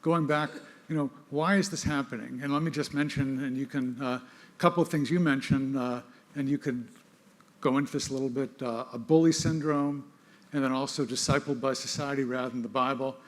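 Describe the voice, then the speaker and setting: An older man hosting an interview, speaking in a halting way with many pauses. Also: mid-range voice, steady tone. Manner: halting, many fillers and restarts. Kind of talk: interview host conversation.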